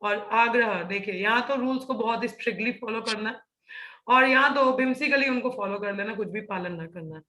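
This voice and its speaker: A woman's voice: fairly high pitch, normal speed, pushed and bright, echoey room, low-quality recording. A woman teaching a scripture class, mixing Hindi and English and checking in with her students again and again. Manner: explanatory, many "ठीक है" check-ins.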